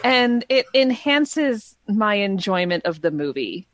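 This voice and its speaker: A woman's voice: medium pitch, very animated, slow pace, no echo, muffled recording. Enthusiastic chatty woman, dry studio. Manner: enthusiastic, chatty, laughs often. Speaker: podcast co-host. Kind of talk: casual chat.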